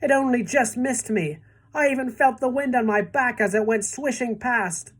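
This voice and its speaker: A woman's voice: on the high side, moderate pace, voice pushed up, lightly acted. A woman voicing a timid earthworm who begs and wails in fear. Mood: fearful wailing. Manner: begging, wailing.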